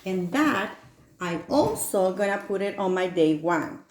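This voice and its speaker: Woman, children's science teacher, upbeat sing-song kids' presenter, mid-pitched voice, step-by-step demonstration, echoey room. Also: lively intonation, a little slow.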